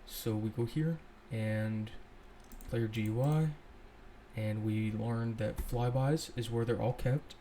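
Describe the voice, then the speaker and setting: A man's voice: lowish voice, steady tone, takes it slowly, mellow, a little hiss or hum. A young man casually walking through a coding tutorial, thinking aloud and correcting himself as he goes. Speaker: scripting tutorial host. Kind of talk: casual screen-recorded coding walkthrough.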